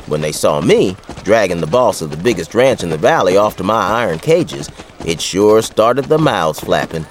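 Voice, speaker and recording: A tough western sheriff telling his own tale with dry wit and an American West accent. His lowish voice moves up and down with great animation, and his talk is folksy and plain. There is slight noise on the recording. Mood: wry, determined. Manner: folksy, colloquial. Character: wry, tough male frontier sheriff. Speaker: narrator and lead character. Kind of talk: dramatized first-person western storytelling.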